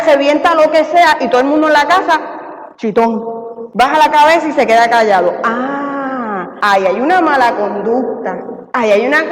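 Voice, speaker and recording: A woman pastor with a Puerto Rican accent, preaching a sermon and acting out everyday dialogue as she tells stories. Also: fairly high pitch. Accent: Puerto Rican Spanish. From Puerto Rico. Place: church sanctuary. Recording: echoey church hall with long reverb.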